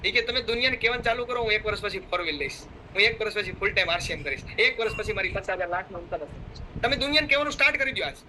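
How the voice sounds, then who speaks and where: A man's voice: high voice, expressive, rapid-fire, hardly any pauses, pushed and bright, slight background noise, poor audio. A middle-aged man giving a fervent motivational talk, urging listeners on and acting out what his friends said. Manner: fervent, exhorting, acts out quoted friends. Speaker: motivational speaker.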